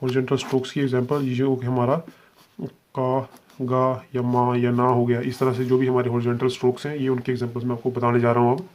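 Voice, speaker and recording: A man's voice: medium pitch, flat delivery, a little mellow, lo-fi sound. Patient male shorthand teacher. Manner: patient, repeats "ठीक है" and spells sounds out slowly. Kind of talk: step-by-step video lesson.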